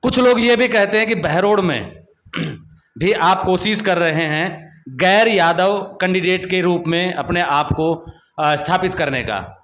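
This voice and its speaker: Reporter guy with a fairly high voice, grilling a politician, keeps pushing. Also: unhurried, a bit bright. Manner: pressing, confrontational questioning. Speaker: journalist interviewer. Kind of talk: political interview.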